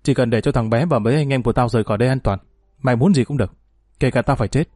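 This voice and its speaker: A man's voice: mid-range voice, racing, a little mellow, no room sound, studio quality, faint music behind, natural voice. Man voicing furious crippled ex-gang boss. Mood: angry. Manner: harsh, angry outbursts. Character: crippled middle-aged male ex-boss, furious.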